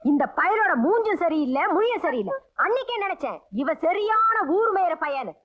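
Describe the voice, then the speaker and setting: Brief: a sneering matriarch type, cutting and sarcastic, high-pitched, dull lo-fi film sound. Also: female voice, very animated, moderate pace. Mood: scolding. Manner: sarcastic, scolding. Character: sharp-tongued scornful elder woman of the house. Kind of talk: Tamil film melodrama.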